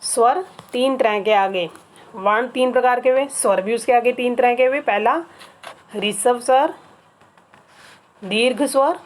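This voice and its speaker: A woman teaching a grammar lesson to children, explaining patiently and repeating each item one by one. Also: fairly high pitch. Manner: patient, spells things out slowly with repetition.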